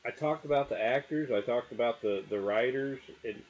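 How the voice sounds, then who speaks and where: Husky podcast dude, laid-back chat, telling stories. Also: male voice, mid-range voice, normal speed, lo-fi sound. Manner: listing, relaxed storytelling. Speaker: podcast co-host. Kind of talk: casual chat.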